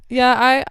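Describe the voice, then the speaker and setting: Smooth-voiced young woman. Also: sits high, no echo, clean studio sound. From Australia. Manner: animated, laughing, playfully dramatic. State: slightly sick. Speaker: podcast co-host. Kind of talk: casual chat.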